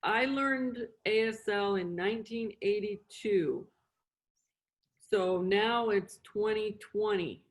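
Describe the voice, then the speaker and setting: Taking it slowly in a medium-pitched voice, this native English-speaking sign language interpreter and instructor, middle-aged, runs a casual lesson for beginners. Her steps are short and simple, with repetition and check-in questions.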